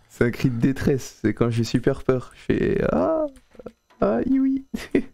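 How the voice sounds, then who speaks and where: A man chatting casually as a scared horror game streamer, excitable and slangy. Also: medium pitch, takes it slowly, no room sound.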